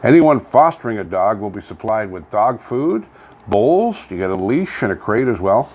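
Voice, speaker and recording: An older man with a Canadian accent co-hosts a casual local news chat for a local online radio vlog, sometimes reading items aloud in a folksy, plainspoken, rambling way. His fairly low voice is sing-song and a little mellow, at a moderate pace. He records in an indoor home studio, and the audio is clearly noisy.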